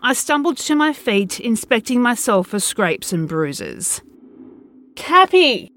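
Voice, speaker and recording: A woman narrating a first-person horror story in an expressive reading. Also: on the high side, measured pace.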